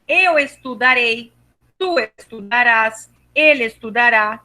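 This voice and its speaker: Teaching a live grammar lesson over a video call, a woman patiently repeats herself and checks that her students understand. Her fairly high, expressive voice has a sharp tone, and she slows down to draw out and stress verb endings.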